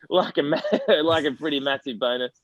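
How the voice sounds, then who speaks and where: A man's voice: a little high, normal speed, no room sound. Australian man, 40s, chatty storyteller guest, dry dull recording. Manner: rambling storyteller, laughs through anecdotes. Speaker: interview guest, former footballer. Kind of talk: casual podcast interview.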